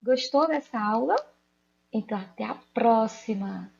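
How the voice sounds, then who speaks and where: A woman teacher with a Brazilian Portuguese accent, giving a recorded lesson to children, slow and emphatic, repeating rules and asking questions. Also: a little high, gravelly, darkish tone, highs cut off.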